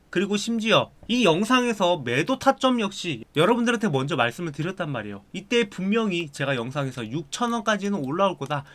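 Man, stock market commentary, persuasive, talks straight to viewers, slightly high voice. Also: bright, forceful tone. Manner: persuasive, addresses viewers directly, repeats sales pitch. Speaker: stock channel host.

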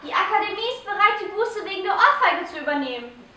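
A woman's voice: very high voice, animated, fast talker, pushed and bright, exaggerated voice. A young woman acting on stage as an earnest advocate pressing a stubborn woman for answers. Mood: persuading. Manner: insistent, urging questions. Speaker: stage actor in a school theatre group. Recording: echoey hall from far off.

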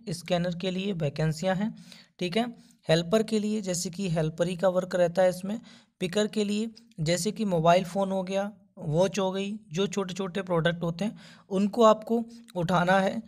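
Man giving repetitive job instructions. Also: high voice. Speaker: job vacancy channel host. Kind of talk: informational job announcement. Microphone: voice-over over screen notes.

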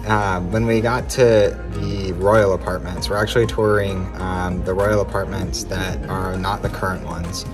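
A man's voice: low-pitched, measured pace, few pauses, over music. A man in his thirties recapping a palace tour on a travel vlog, talking casually with lots of ums, filmed on a phone held at arm's length inside an ornate room. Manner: chatty, many ums, relaxed recounting. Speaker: travel vlogger. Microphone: phone held at arm's length, selfie framing.

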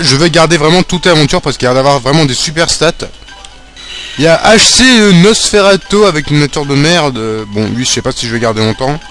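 Excitable young man commenting a game. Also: fairly high pitch. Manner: excitable, swearing, shouts at the game. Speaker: let's play gamer.

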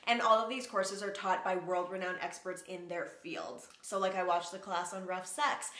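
A woman's voice: medium pitch, a bit bright. A woman in her twenties talking frankly and casually as a sex-education vlogger, with lots of "like" fillers. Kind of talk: casual educational vlog talk. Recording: roomy echo.

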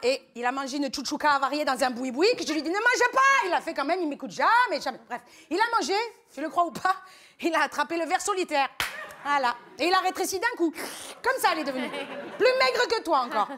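A brash Tunisian aunt. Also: female voice, high voice, sing-song, a little fast, slight background noise. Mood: flirty gossip. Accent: Tunisian French. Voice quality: loud, teasing, rambling. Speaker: comic guest. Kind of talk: TV comedy sketch character. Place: TV studio. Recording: studio audience laughter.

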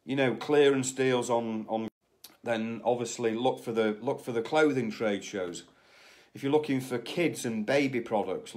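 A man's voice: medium pitch, darkish tone. A man in his forties, seated indoors, giving casual rambling advice on a live stream, full of fillers and restarts, recorded on a phone at arm's length. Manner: rambling, frequent fillers and restarts, gestures with hands. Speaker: host of a live stream on flipping surplus goods. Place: small indoor room, sitting in an office chair. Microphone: phone camera at arm's length.

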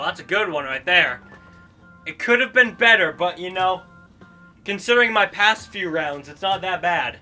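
A young adult man doing excited video game commentary as a streamer, exclamatory and jokey, talking in casual slang. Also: high voice.

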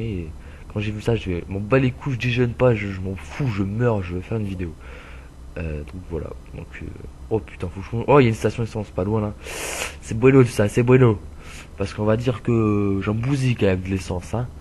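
A man's voice: on the low side, a little hiss or hum. Stuffy-nosed young man narrating a truck game. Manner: swears often, rambling, many fillers; bursts of loud frustration at other drivers. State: stuffy nose. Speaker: gameplay commentator. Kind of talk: casual gaming commentary. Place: home room with a dog playing nearby.

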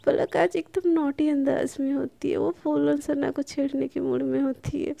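High-voiced, gravelly woman telling a story. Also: level tone, normal speed, warm tone, no echo. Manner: chatty, mixing in English words. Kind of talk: casual storytelling narration.

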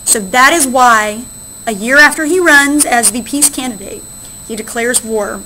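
A woman's voice: a little high, a little slow, pushed and bright, a little hiss or hum, poor audio. A woman history teacher giving a recorded classroom lecture, explaining step by step and checking in with "right?" often.

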